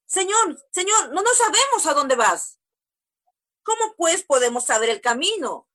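A woman's voice: extremely high pitch, big pitch swings, unhurried, a bit bright, voice pushed up, heavily acted. A woman preacher acting out an eager, puzzled male disciple who keeps pressing with questions. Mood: pleading. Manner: pleading, questioning.

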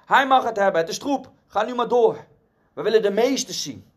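A man voicing an angry heckler in an auction crowd, shouting with scorn. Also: sits high, lively intonation, a little slow, full character voice. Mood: scornful.

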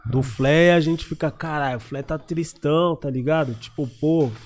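A laid-back man, chatting casually in slang. His voice sits a touch high for a man. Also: normal speed, darkish tone. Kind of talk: casual chat.

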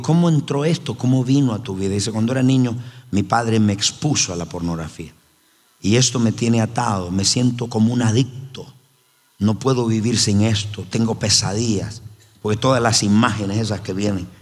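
A man preaching a sermon as pastor, telling stories emphatically with his voice swinging high and low. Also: darkish tone. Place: church hall. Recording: roomy hall reverb with faint ambience.

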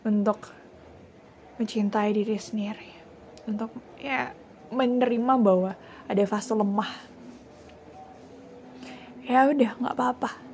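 A young woman hosting a casual solo podcast, talking in a gentle, reassuring way and slipping English phrases into her speech. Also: a little high, fairly even intonation, takes it slowly, pauses often, slight background noise. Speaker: podcast host.

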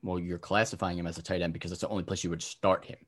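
A young man hosting a casual fantasy football podcast, briskly rattling off lists of players and giving his takes. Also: deep voice, level tone.

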